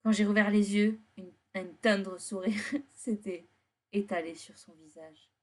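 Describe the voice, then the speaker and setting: A woman's voice: mid-range voice, steady tone, a little slow, a little mellow. A woman co-hosting a dating game playthrough, switching between reading the story text aloud and blunt, teasing, slangy commentary in casual chat.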